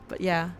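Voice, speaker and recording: While playing a game on a livestream, a young streamer from Germany talks casually with her audience, reads their chat messages aloud, and laughs frequently.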